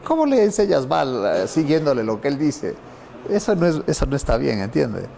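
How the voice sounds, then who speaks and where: Middle-aged male Bible teacher, lively storyteller, mid-range voice, faint room hiss. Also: medium pitch, moderate pace, vocal fry. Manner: animated storyteller, acts out quoted voices. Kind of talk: conversational Bible lesson.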